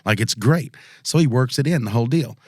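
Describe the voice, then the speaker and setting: A man's voice: medium pitch, animated, a little fast, a little mellow, no room sound. Male podcast host, jokey and laid-back, slangy, dry close sound. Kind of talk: casual podcast chat.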